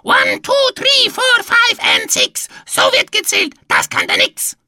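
A whiny little water sprite from a storybook shrieks and wails, its voice pushed to an extreme, piercing squeak that swings wildly up and down. The tone is glaringly bright and edgy, heard close with no room around it. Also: huge pitch swings, normal speed, vocal fry, no echo, heavily acted. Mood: boastful. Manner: shrieking, wailing and dramatic. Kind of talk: storybook reading.

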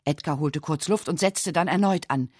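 A woman reading a mystery novel aloud as an audiobook narrator, in a dramatic, expressive way. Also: low-pitched, moderate pace, husky, no echo, studio quality.

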